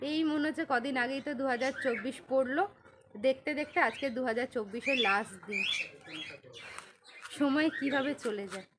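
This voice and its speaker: High-voiced Bengali woman vlogging over noise. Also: a little fast, pauses often. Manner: chatty, affectionate greetings to viewers. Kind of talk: casual vlog narration. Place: home and village market. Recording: loud background noise.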